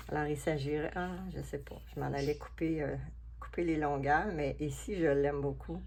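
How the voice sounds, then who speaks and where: A woman with a Québécois accent and a low, deep-set voice talks through her collage work in a casual craft vlog. She muses aloud in an unhurried, chatty way, half to herself and half to her viewers. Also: steady tone, a little mellow. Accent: Québécois French. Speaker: collage artist. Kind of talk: casual craft vlog, talking while working.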